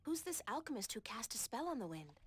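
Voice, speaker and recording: A woman's voice: on the high side, big pitch swings, a little fast, husky. An actress playing a plucky young female adventurer in a video game, asking frank, curious questions. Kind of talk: video game character acting.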